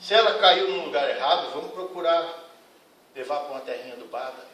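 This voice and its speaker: A man's voice: fairly high pitch, brisk, fairly bright tone. Earnest man lecturing in an echoey hall. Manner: earnest, admonishing, frank. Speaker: spiritist lecturer. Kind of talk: lecture to a congregation. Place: lecture hall of a spiritist center. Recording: echoey hall, mic at a distance.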